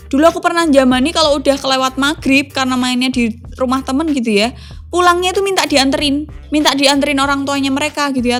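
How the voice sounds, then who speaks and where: A young woman from Indonesia with a high, light voice tells stories in a relaxed monologue. She talks in a chatty, confiding way and keeps checking in with her listeners. Soft music plays faintly behind her. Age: 20s. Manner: chatty, confiding, often adds tag questions to her listeners. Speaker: podcast host. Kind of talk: casual storytelling monologue.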